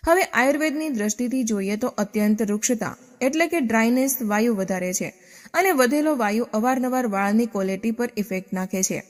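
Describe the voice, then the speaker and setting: A woman's voice: a little high, brisk, big-room sound. A woman narrating a scripted health explainer, asking rhetorical questions and then answering them. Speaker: health channel presenter.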